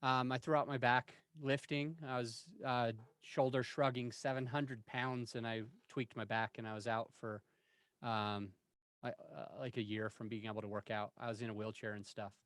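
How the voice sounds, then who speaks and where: A man's voice: medium pitch, flat delivery, normal speed, fairly bright tone, no echo. Candid man in his forties, dry sound. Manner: candid, self-deprecating, rambling with restarts. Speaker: interview guest. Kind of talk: casual interview storytelling.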